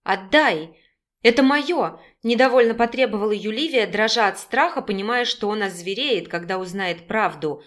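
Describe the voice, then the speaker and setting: A woman's voice: medium pitch, a little fast, few pauses, a bit bright. Woman narrating an audiobook.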